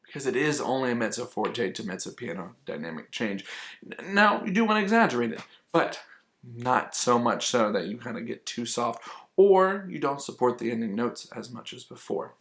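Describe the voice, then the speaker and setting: A man's voice: mid-range voice, expressive, normal speed, fairly bright tone. Patient man teaching flute technique. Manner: patient, explains and repeats points for emphasis. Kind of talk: instructional explanation.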